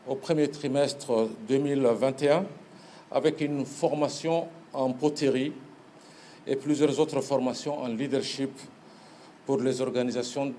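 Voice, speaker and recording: Man with a warm dark voice giving an official statement, some euhs, faint ambient noise behind. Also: mid-range voice. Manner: formal, halting with "euh" fillers. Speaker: official speaking in a news report. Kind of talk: formal statement.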